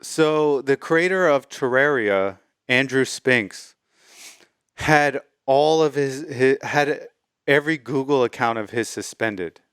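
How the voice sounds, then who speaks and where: A man's voice: mid-range voice, slow, fairly bright tone, clear, resonant tone, no echo, clean studio sound. A man co-hosting a gaming podcast, chatting casually and reading news quotes aloud. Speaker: podcast co-host. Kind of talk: casual chat.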